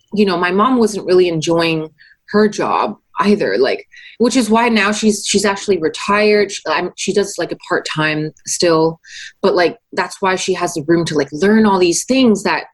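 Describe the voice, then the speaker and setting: A young Taiwanese woman in her twenties, a musician appearing as a guest, chats casually in an interview. Her voice sits fairly low, and her speech is full of fillers and frequent laughter.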